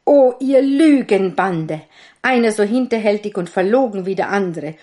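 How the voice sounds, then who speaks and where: A woman playing an old, short-tempered tailor in a fairy tale, scolding loudly. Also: medium pitch, animated, unhurried, pitched above the performer's own voice, lightly acted. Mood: furious. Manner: loud, scolding outbursts.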